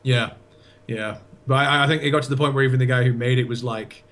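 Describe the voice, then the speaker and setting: A man co-hosting a casual gaming podcast, easygoing and quick to laugh. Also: mid-range voice, steady tone, fairly bright tone. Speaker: podcast co-host. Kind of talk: casual chat.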